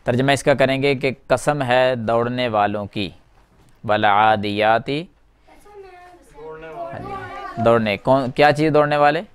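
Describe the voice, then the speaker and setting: A man leads a classroom lesson at a whiteboard, his voice smooth and clear at a middle pitch. He explains each word step by step, repeating key terms and putting questions to his students before answering them himself. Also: steady tone, hardly any pauses. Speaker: Quran teacher.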